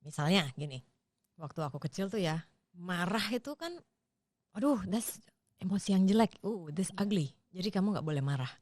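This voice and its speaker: Brief: woman podcast guest, lowish voice, dry close recording, thoughtful and explanatory. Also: lively intonation, moderate pace, a little mellow, no room sound. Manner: thoughtful, explains ideas step by step with examples. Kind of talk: explanatory casual conversation.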